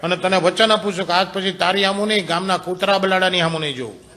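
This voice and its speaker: A man's voice: high voice, fast, sharp tone. A man voicing a crude, rustic older male hunter who talks in a coarse, pleading way.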